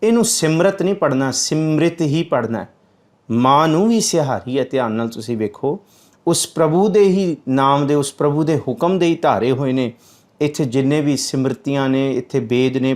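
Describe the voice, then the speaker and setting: A man giving a religious scripture commentary, reciting verses slowly and then explaining them in plain speech. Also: medium pitch, darkish tone.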